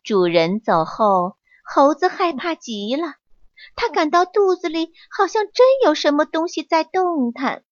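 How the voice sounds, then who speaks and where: A woman narrating a children's story in a slow, expressive, sing-song way. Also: sits high, dry recording. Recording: dull lo-fi, dry.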